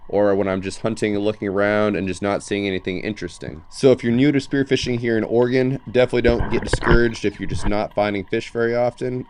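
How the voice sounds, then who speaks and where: A man chatting casually to camera in a vlog as he gears up to spearfish from a coastal jetty, upbeat and often laughing at himself, recorded on an action camera in a waterproof case. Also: lowish voice. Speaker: spearfishing vlogger. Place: outdoors on a coastal jetty, getting ready to dive. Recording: noisy outdoor action-camera audio.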